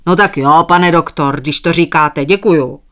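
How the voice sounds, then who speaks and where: A woman's voice: deep voice, a bit bright. A woman voicing a stubborn male sheep farmer who politely dodges every request with thanks. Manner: courteous, evasive, dodges with thanks.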